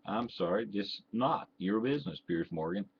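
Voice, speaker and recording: Gravelly and very animated, this older man from Texas speaks at a normal speed in a mid-range voice with a Texan-Southern accent. A vlogger and ham radio operator, he delivers a blunt, indignant rant to camera, stumbling through "uh"s and restarts, captured in a dull lo-fi home recording with faint noise.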